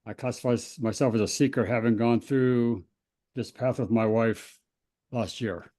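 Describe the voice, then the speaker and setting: A man introducing himself as a participant in an online class, quiet and measured, on a video call. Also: mid-range voice, steady tone.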